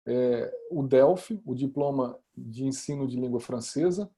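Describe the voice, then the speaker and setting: Very dark, husky-voiced man coordinator. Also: medium pitch, measured pace. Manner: earnest, repeats for emphasis. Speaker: course coordinator. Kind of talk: explaining in an online meeting.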